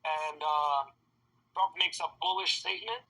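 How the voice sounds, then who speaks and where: High, bright, husky-voiced man talking crypto. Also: steady tone, a little slow, low-quality recording. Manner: loose, slangy, talks straight to viewers. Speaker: crypto stream host. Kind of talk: casual trading chat.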